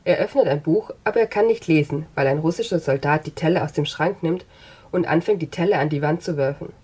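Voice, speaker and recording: Husky woman reading a story. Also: sits low, fairly quick, a little mellow. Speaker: narrator. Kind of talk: reading an absurdist short story.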